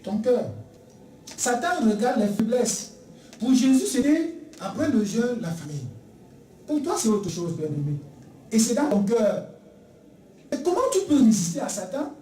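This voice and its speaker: A preacher in full sermon mode, hammering home repeated phrases and slipping into quick acted exchanges. The voice is mellow and dark in tone, heard from well back in a reverberant church with a faint hum of ambience. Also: mid-range voice, very animated, far from the mic. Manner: emphatic, repeats key phrases, acts out dialogue. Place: church sanctuary. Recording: echoey church recorded from afar.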